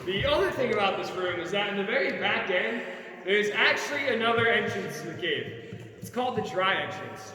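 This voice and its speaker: A man's voice: high-pitched, very animated, moderate pace, a crowd in the background. A man working as a cave tour guide, explaining in short projected phrases to visitors inside a cave. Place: inside a large limestone cave. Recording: echoing cave, long reverb, distant mic.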